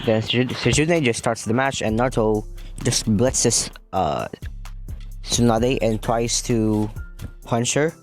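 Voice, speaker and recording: A man's voice: mid-range voice, slow, soft background music. A young man casually retelling a fan story, rambling with lots of fillers and self-corrections.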